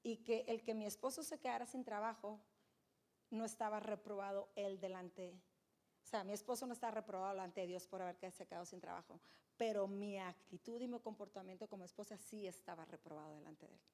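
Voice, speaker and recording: As a guest speaker, a middle-aged woman gives an animated, emphatic faith testimony, turning often to her audience. She has a mid-range voice and speaks a little fast.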